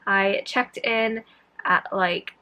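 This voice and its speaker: A woman's voice: mid-range voice, fairly even intonation, very slow, pushed and bright. A young woman vlogging casually in a scattered, self-interrupting way, with a sore throat after tonsil surgery that makes some words hard to pronounce. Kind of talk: casual personal vlog, chatty recounting.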